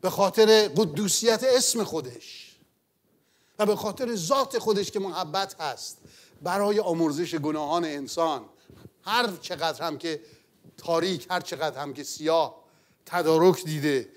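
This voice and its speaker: A man preaching a sermon in an earnest manner, rising to loud exclamations and then falling to near-whispers. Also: a little high. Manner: earnest, swells loud then drops to a hush.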